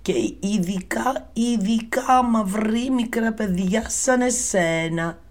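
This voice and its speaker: A woman voicing the giant's wife, a huge, worried woman who speaks loud and urgent. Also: fairly high pitch, pitched above the performer's own voice, lightly acted. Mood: warning.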